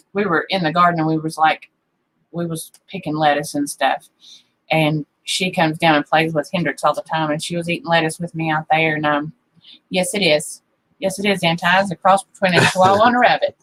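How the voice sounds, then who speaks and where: A woman's voice: sits low, steady tone, moderate pace, fairly bright tone, a little hiss or hum, poor audio. A woman co-hosting a casual farm livestream, chatting in a rambling way that drifts into tangents. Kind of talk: casual chat. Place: farm home.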